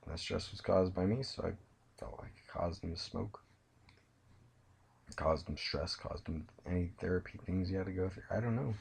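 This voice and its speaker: A tired young man recounting his life story from bed, speaking haltingly with many pauses and restarts. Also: deep voice, creaky, husky. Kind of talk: personal storytelling. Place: in bed at home.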